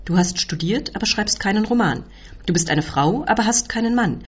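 List: woman voicing a ranting middle-aged uncle, loud and high-strung, husky edge, dull recording. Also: lively intonation, fairly quick. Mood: pleading. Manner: ranting, bellowing, self-pitying.

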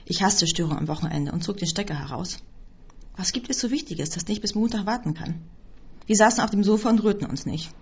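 A woman reading a first-person story aloud as scripted narration, with a husky voice. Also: medium pitch, lively intonation, fairly quick. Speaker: audiobook reader. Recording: dull lo-fi recording.

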